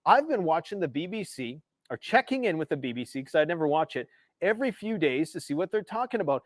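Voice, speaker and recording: A man's voice: fairly high pitch, very animated, fast, no echo. A Canadian man hosting a political livestream, ranting emphatically and sarcastically about world events. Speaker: livestream host.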